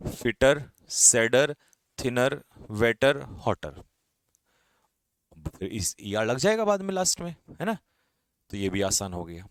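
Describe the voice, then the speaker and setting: An Indian-accented man teaching grammar for exam prep, his pitch rising and falling a lot as he talks. He asks his own questions, answers them, and drops his voice at the end of each list of examples. The sound is dry and close. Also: fairly bright tone, no room sound. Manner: explains step by step, code-mixing, asks and answers own questions; calls students brother, drops his voice at ends of lists. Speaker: English teacher. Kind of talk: online exam-prep lesson.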